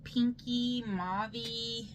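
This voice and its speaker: A woman's voice: on the high side, fairly even intonation, drawn-out words, slight background noise, rough recording. A tipsy woman, rambling loosely and playfully through a casual makeup unboxing vlog. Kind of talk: casual rambling product show-and-tell.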